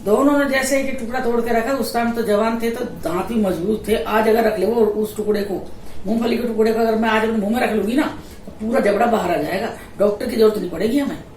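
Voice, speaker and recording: Vlogger mom, middle-aged woman, lively laughing storyteller; a bit off-mic in an echoey room with faint background hum. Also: a little high, quick pace. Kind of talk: casual storytelling chat. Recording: echoey room, voice a little distant.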